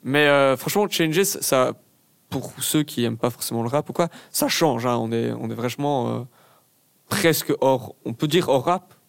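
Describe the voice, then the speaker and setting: An eager young man talks music with friends in a relaxed podcast. His voice sits at a middle pitch and he repeats himself when he warms to a point. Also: moderate pace, vocal fry. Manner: enthusiastic, repeats words when excited. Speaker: podcast co-host. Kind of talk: casual chat.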